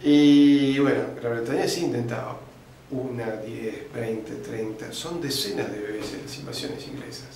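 A man's voice: medium pitch, steady tone, unhurried, darkish tone. Argentine man lecturing in an echoey room. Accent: Argentine Spanish. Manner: didactic storyteller, uses fillers like "este" and "eh", clears throat often. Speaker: interview guest. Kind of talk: lecturing historical account. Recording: very echoey room with faint background noise.

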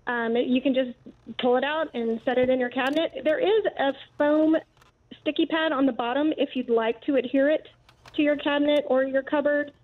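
A woman calls in over a narrow, tinny phone line. Her voice sits slightly high as she explains a product she invented, politely and in practical steps. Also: fairly even intonation, normal speed. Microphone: phone call into live show.

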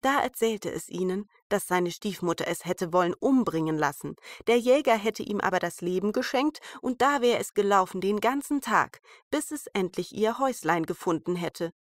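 A woman's voice: medium pitch, lively intonation, normal speed, few pauses, no echo, studio quality. A woman storyteller reading a German fairy tale aloud as a bedtime story. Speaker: podcast storyteller.

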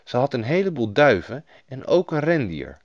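A man reads a fairy tale aloud with a bouncy, animated voice. The recording is dry and a little dull, like an older lo-fi track. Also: mid-range voice, moderate pace, no room sound. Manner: lively storybook reading, voicing each character. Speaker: storyteller. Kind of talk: scripted fairy-tale narration.

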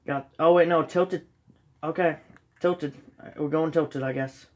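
A young man with a slight cold, sounding sniffly, hosts a gaming channel and casually comments on his game from a dark room at home, filming a TV screen. He rambles and is self-deprecating, using many ums. His voice is a little high, with fairly even intonation and an unhurried pace.

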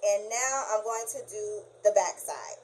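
In a cramped craft workroom, a woman chats easily with "y'all" while her hands stay busy on a tutorial project. She has an unhurried, mid-range voice with a darkish tone, and the recording is noisy, with uneven camera-mic sound.

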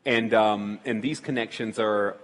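A man's voice: lowish voice, steady tone, unhurried, in a large hall. A man hosting a call-in show, speaking in a loose, rambling way with many restarts. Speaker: radio show host taking calls. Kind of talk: casual call-in talk.

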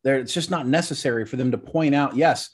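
A man's voice: mid-range voice, fairly quick, breathy edge. Guy co-hosting a review show from home, rambly, lots of "you know" and "i guess". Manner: rambling, hedging explanations with fillers. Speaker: podcast co-host. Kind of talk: casual review chat.

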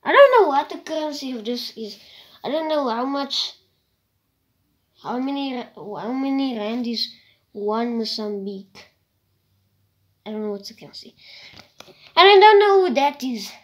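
A woman from Africa, casually showing things to camera in a hesitant, rambling way with soft whispered asides. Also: fairly high pitch, animated, a little slow, pauses often. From South Africa. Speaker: vlogger. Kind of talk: casual show-and-tell vlog.

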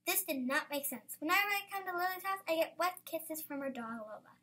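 Schoolgirl storyteller, high voice, lively reader with excited outbursts. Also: a little fast. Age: child. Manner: lively, bursts into excited exclamations. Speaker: student storyteller. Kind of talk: reading her own story aloud.

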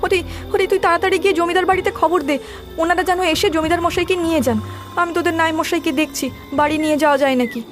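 A woman's voice: extremely high pitch, steady tone, racing, soft background music. A woman voicing an anxious young wife in a cartoon, pleading and emotional. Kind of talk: cartoon voice acting.

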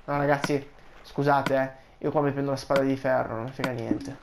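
A man's voice: medium pitch, brisk, gravelly, background noise. A man hosting a casual gaming let's play, talking straight to his viewers and yelping whenever something startles him. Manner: excitable, yelps and cries out when startled; keeps addressing viewers as guys. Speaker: gaming channel host.

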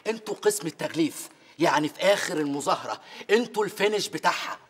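A man's voice: on the high side, lively intonation, quick pace, a little hiss or hum, lightly acted. An actor playing a factory foreman with an Egyptian accent, rallying workers for a strike in conspiratorial sitcom speech. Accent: Egyptian Arabic. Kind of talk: sitcom acting.

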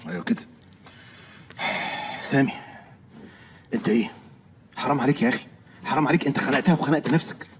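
A man's voice: medium pitch, fast talker, gravelly, long pauses, background noise, lightly acted. An actor playing a lonely overweight young man, nervous and polite, talking in flustered comic patter in a film comedy. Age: young adult.

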